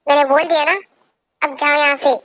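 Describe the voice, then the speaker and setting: A woman's voice: sits high, little pitch movement, brisk, fairly bright tone, no echo. A young woman voicing a possessive, domineering young husband who gives orders in an amateur fan dub. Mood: stern. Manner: commanding, repeats orders.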